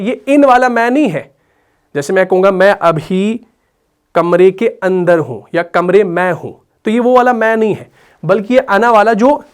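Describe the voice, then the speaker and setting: A man with an Urdu accent teaching Quran reading rules in a patient explanatory lesson, often checking that his students understand. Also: high voice. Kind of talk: explanatory lesson with slow chanted recitation.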